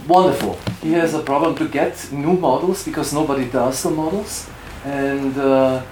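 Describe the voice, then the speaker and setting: A man's voice: mid-range voice, fairly even intonation, normal speed, darkish tone, reverberant, slight background noise, poor audio. A fashion designer man talking about his work in hesitant English, often searching for words. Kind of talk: casual interview.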